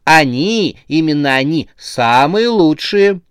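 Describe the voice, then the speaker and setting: A man's voice: mid-range voice, big pitch swings, unhurried, no room sound, clean studio sound. A man voicing a pushy cheerful young female shop seller in a horror audiobook, with gushing, insistent sales patter. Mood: eager.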